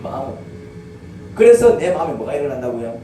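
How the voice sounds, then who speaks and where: Korean pastor preaching in an echoey church. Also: male voice, mid-range voice, big pitch swings, brisk. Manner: asks the congregation questions and draws call-and-response replies. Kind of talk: sermon. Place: church sanctuary. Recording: echoey church hall, distant mic, background noise.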